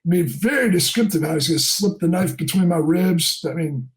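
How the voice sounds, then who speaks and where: A middle-aged charter fishing captain from New Jersey tells a story in a podcast interview and acts out the people in it. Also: male voice, on the high side, animated, fairly quick. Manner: acts out quoted people in raised voices.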